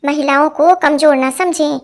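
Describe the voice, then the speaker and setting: A woman reading out a string of jokes, lively, voicing each character in turn. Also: sits high, normal speed. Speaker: joke teller.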